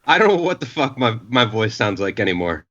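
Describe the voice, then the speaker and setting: A man's voice: on the low side, very animated, brisk, fairly bright tone. New york guy on a podcast, stumbles and repeats himself, kinda muffled audio. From New York, USA. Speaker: podcast guest, musician. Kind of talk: casual chat.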